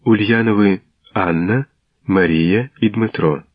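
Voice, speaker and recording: A proud, gray-haired noblewoman, as a male narrator puts her on, speaking with calm, restrained dignity. The reading is deep, dry and dull like an old radio broadcast. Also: a little slow, dry recording. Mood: dignified.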